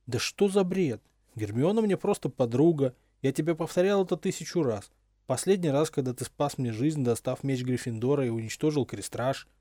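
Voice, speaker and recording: A man's voice: medium pitch, expressive, normal speed, dark tone, no room sound, natural voice. A man voicing a tired, exasperated young man in an audiobook.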